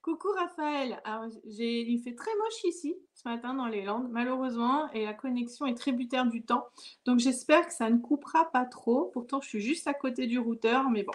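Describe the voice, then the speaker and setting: High-voiced chatty woman teaching live. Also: normal speed. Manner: chatty, reads viewer comments aloud and laughs often. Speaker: watercolor teacher hosting a live stream. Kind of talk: casual live-stream chat. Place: at home.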